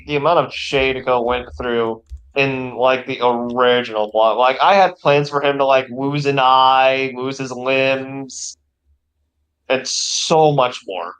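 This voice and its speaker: Giggly, stammering man with a smooth voice. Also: medium pitch, slow pace, fairly bright tone. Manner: giggly, stammering, restarts a lot. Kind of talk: casual voice chat.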